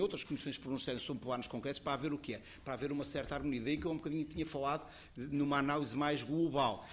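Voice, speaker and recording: A man's voice: mid-range voice, a little hiss or hum. A man with a European Portuguese accent, a member of parliament explaining his position in committee debate, repeating points in a conciliatory way.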